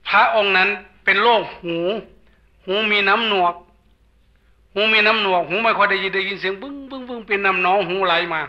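Isan monk, man, high and sharp voice, folksy joking sermon, dull lo-fi recording. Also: steady tone, a little fast. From northeastern Thailand. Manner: folksy storytelling with jokes. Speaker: Buddhist monk preacher.

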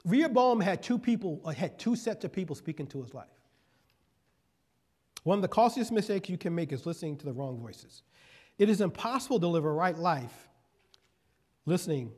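A man's voice: a little high, a little mellow. A male guest preacher giving a sermon, reading scripture verses and then explaining them in folksy asides. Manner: repeats key phrases for emphasis.

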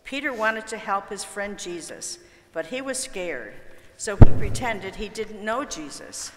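A woman reading a Bible story for children in a clear, gentle storytelling manner in a church. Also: medium pitch, lively intonation, a little slow, very noisy. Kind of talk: scripted story narration. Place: church sanctuary. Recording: echoey church with long reverb.

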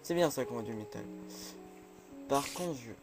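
Jumpy gamer with music behind. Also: male voice, medium pitch, animated, normal speed. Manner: jumpy, chatty, easily scared. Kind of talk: casual let's play commentary.

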